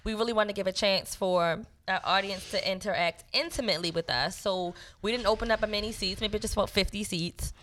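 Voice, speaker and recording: A woman's voice: medium pitch, brisk, few pauses, a bit bright. A woman in her thirties co-hosting a casual podcast, chatting about family and work with plenty of fillers. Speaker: podcast co-host. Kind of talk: casual chat.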